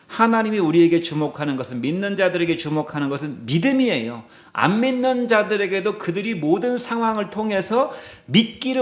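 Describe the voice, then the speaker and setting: A male pastor preaching a sermon with emphatic rises and sudden quiet drops. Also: sits high, roomy sound. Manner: emphatic preaching, rising and dropping for effect. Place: church sanctuary.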